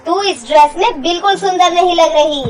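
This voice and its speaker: A woman's voice: extremely high pitch, moderate pace, faint music behind, low-quality recording. A woman voicing a cruel, bossy stepmother in a cartoon story, harsh and threatening. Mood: harsh scolding.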